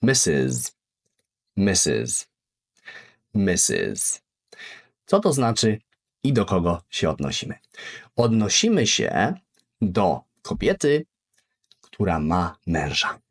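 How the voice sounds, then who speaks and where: Slow, animated male language teacher. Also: fairly low pitch. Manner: repeats each word slowly for practice, very lively intonation. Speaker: English teacher. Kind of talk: beginner language lesson.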